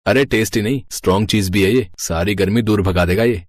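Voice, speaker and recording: In a cartoon story, a man voices a simple, good-natured young husband raised in a village. His voice is husky, natural and on the low side, delivered briskly in a patient, teasing way.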